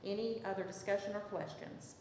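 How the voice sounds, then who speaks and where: A woman mayor with a Southern US accent, calmly chairing a city council meeting and calling votes. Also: medium pitch, a little fast. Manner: procedural, calm, calls votes. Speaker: mayor presiding over council. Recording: echoey council chamber, faint noise.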